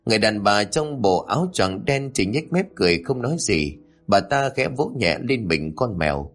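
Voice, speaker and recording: A man narrating a scripted horror story in a dramatic, measured way. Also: on the low side, very animated, a bit bright, faint music behind.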